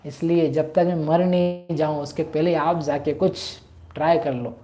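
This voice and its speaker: A woman voicing a proud but desperate lovesick king in a scripture storytelling lesson, speaking in a low, subdued, pleading way. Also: fairly even intonation, unhurried, mellow, soft background music.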